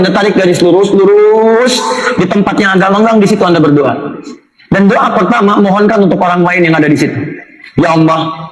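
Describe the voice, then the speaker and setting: A man preaching a sermon to a live audience, telling stories in an animated way. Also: sits high. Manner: animated storytelling, voices the people in his stories. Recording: roomy hall with an audience.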